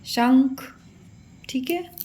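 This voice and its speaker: A woman's voice: high voice, very slow, mellow, slight background noise. A woman teaching children a phonics lesson, patiently sounding out each syllable and calling her pupils "beta".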